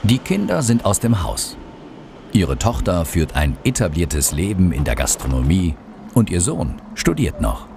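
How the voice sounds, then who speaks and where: A man's voice: deep voice, huge pitch swings, a little slow, vocal fry, background noise. A man reading scripted documentary narration as a studio voice-over.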